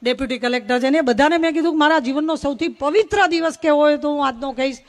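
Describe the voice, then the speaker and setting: A woman's voice: sits high, fast talker. A middle-aged woman from Gujarat, giving a humorous, folksy storytelling speech at a religious gathering. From North Gujarat. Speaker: guest speaker at a religious gathering.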